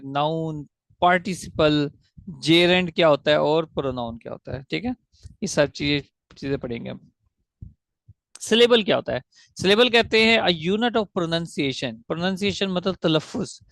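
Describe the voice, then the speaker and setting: A man teaching English grammar over a video call. He explains step by step, slows down to spell out syllables and quizzes the class. His voice sits a little high and gravelly, and the sound is dry and close. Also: a bit bright, no echo. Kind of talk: online grammar lecture.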